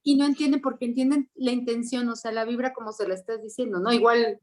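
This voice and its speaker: A Mexican woman student chimes in during a group class, talking casually as she makes her point. Her voice is a touch high and easy-going. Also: steady tone, quick pace. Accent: Mexican Spanish. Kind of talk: class discussion.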